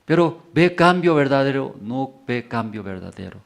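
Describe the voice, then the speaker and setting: A man's voice: medium pitch, sing-song, normal speed, creaky. A male pastor preaching a sermon in simple, broken Spanish, repeating phrases for emphasis and asking the congregation rhetorical questions.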